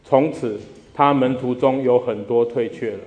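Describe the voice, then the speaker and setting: A man's voice: medium pitch, steady tone, moderate pace, darkish tone, dull audio. A man preaching a sermon as pastor, putting rhetorical questions to the congregation and repeating phrases for emphasis. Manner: emphatic repetition. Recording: long reverb of a large hall.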